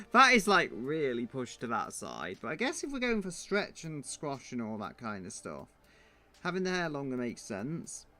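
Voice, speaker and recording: A man's voice: medium pitch, wildly swooping pitch, moderate pace, pushed and bright. A man streaming his drawing, thinking aloud in a muttering, self-deprecating way.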